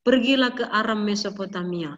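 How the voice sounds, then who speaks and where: A woman's voice: mid-range voice, normal speed, fairly bright tone, a little hiss or hum, close to an everyday voice. Woman as an urgent worried mother. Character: worried mother urgently warning her younger son. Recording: distant echoey dull recording.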